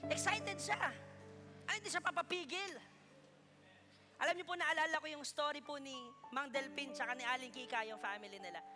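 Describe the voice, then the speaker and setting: A Filipino pastor preaches in a high, ringing voice, joking with his congregation between points. Music plays clearly beneath his sermon in a church hall. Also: moderate pace. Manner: lively preaching with playful asides to the congregation.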